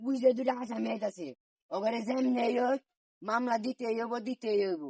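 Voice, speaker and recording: A woman's voice: on the high side, moderate pace, mellow, slightly rough, dry recording, far from the mic. A woman with a Bangladeshi Bengali accent playing a blustering, bossy police officer in an amateur comedy skit. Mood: commanding. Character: bossy, bumbling police officer ordering a constable.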